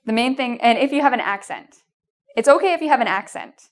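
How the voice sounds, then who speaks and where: Brisk and animated, this fairly high-pitched woman with a Canadian accent runs a video lesson offering tips for an English exam. As the teacher, she reassures and encourages her audience, with plenty of "um"s and "okay?" checks.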